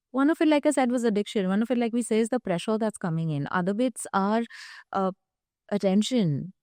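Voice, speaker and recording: A woman with an Indian accent appears as a guest psychologist, giving explanatory, conversational interview answers and frequently tagging phrases with "you know." Her voice is a little high with a darkish tone, recorded at studio quality with no room sound.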